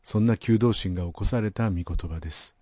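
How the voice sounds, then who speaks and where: A man's voice: on the low side, a little fast, mellow, no room sound. A man sharing a thoughtful, personal sermon reflection in a conversational way. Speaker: pastor.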